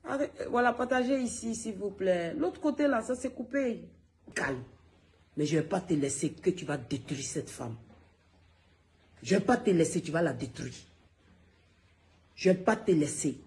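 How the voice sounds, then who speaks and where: A man's voice: high-pitched, lively intonation, a little slow, long pauses, darkish tone. A man ranting into his phone on a gossip livestream, repeating himself emphatically and talking straight to his viewers. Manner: emphatic, repetitive, addressing viewers directly. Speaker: gossip live-streamer. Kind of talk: heated phone livestream rant.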